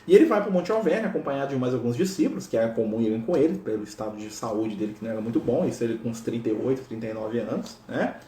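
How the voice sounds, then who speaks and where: A man's voice: medium pitch, lively intonation, racing, hardly any pauses, warm tone, slight background noise. A Brazilian man telling a religious story in a casual, chatty way, peppering it with tag questions. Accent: Brazilian Portuguese. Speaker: spiritual speaker. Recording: roomy echo.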